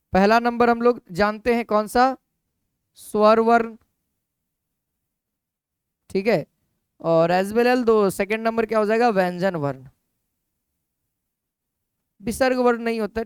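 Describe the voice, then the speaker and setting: A man's voice: high voice, clean tone, dry recording, clean studio sound. A man teaching an exam-prep lesson, repeating key points and putting questions to his students.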